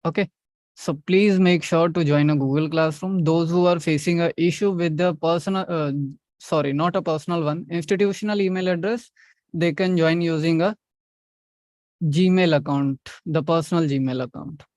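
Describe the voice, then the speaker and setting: A man's voice: a little high, fairly even intonation, normal speed, a little mellow, no echo. North Indian man teaching online, dry close sound. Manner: repeats instructions, checks in with short questions. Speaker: online course trainer.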